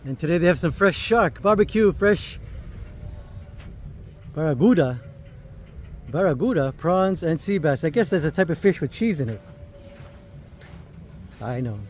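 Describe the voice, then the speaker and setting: A man's voice: on the high side, lively intonation, measured pace, long pauses, a little hiss or hum. Upbeat man vlogging a beach walk. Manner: upbeat, joking asides. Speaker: travel vlogger. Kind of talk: casual walking tour narration. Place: outdoors on a beach. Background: music.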